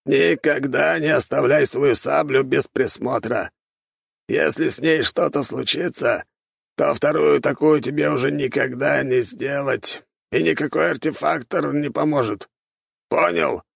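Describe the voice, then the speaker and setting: A man voicing a grumpy, sickly old male mentor who scolds his pupil in a hoarse, wheezing voice. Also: mid-range voice, unhurried, dry recording, clean studio sound, pitched above the performer's own voice, heavily acted. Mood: stern. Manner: gruff and scolding. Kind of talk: audiobook character voice.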